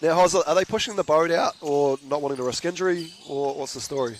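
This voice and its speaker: A man with a New Zealand accent doing live basketball commentary in a relaxed, chatty way, trading jokes with his co-host. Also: on the high side, fast talker, slight background noise. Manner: laid-back, chatty, laughs easily. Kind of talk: live sports commentary with banter.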